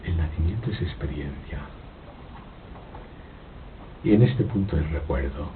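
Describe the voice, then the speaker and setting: A spiritual speaker gives a slow, reflective philosophical talk, halting, repeating his words, and often posing rhetorical questions in an expressive way. The mic is distant, and the recording sounds like old lo-fi tape, phone-like and noisy with rumble.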